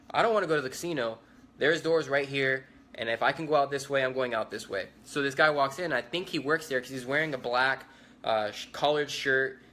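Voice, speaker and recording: A man's voice: medium pitch, sharp tone. A man giving a spoken eyewitness account, talking urgently, repeating himself and restarting his sentences. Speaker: eyewitness survivor.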